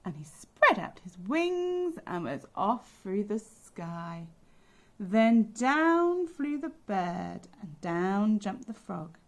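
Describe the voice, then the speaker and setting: Childminder reads rhyming picture book aloud, woman, slow lively sing-song. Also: medium pitch. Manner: expressive, sing-song storytelling.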